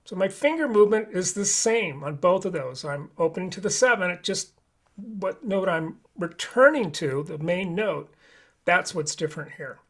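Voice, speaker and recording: A man's voice: high voice, animated, moderate pace, fairly bright tone. A man teaching a live online flute lesson, explaining each step patiently.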